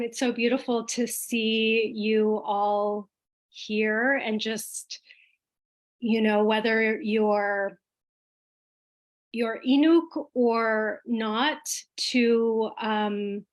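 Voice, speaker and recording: A guest speaker from Iqaluit in Nunavut, Canada, on Baffin Island, gives an informal online talk in a voice on the high side. Her delivery is slow and halting, broken by frequent mid-sentence pauses.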